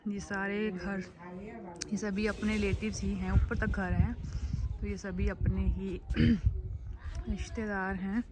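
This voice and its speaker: A woman talks casually to her viewers while she walks a phone camera through a family home. Her voice sits at a middle pitch. A faint noise runs under the recording. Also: flat delivery, measured pace, pauses often. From Himachal Pradesh, India. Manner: chatty, walking and showing rooms. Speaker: vlogger. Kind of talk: casual home tour vlog. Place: house and rooftop in a hill village.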